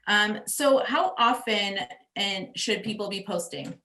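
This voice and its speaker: A woman's voice: mid-range voice, a little slow, pushed and bright. A woman hosting a webinar, chiming in with brief, affirming remarks. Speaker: webinar host. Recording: roomy echo.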